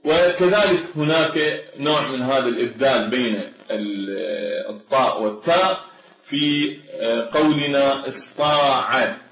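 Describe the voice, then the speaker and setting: A man delivers a measured academic lecture, pausing to carefully pronounce example words. The recording is roomy and echoey, with a dull, lo-fi tone. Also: mid-range voice, fairly bright tone. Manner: measured, explanatory, slows to sound out example words. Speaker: Arabic language lecturer.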